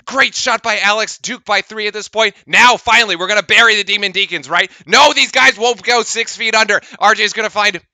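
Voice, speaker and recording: A man in his late twenties, co-hosting a fan show and calling game highlights play-by-play, swinging from chatty recap to shouted disbelief. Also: a little fast, hardly any pauses, dry recording, clean studio sound. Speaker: podcast co-host.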